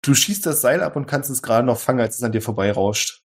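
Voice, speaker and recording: A man leads a tabletop role-playing session as game master, describing scenes and rulings in a calm, explanatory way. His voice has a husky, slightly breathy edge. Dry humor slips into his narration. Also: mid-range voice, quick pace.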